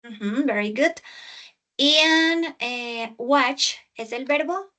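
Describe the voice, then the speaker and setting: Patient high-voiced tutor, slow speech. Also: female voice, sharp tone. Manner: patient, slow and exaggerated English pronunciation, explaining in Spanish. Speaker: English tutor. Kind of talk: online tutoring session. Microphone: video call.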